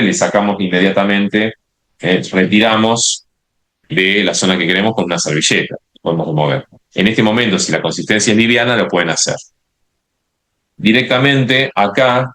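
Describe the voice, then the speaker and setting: A man demonstrating a watercolor painting, explaining step by step and often checking in with "¿sí?". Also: fairly low pitch. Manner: explanatory, many checking "¿sí?" tags and restarts. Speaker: watercolor instructor.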